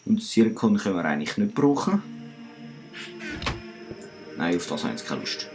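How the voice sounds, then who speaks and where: Over music, a Swiss man with a deep, sing-song voice delivers chatty let's play commentary at a moderate pace. His Swiss German accent comes through as he mocks his own errors and talks to himself and viewers alike.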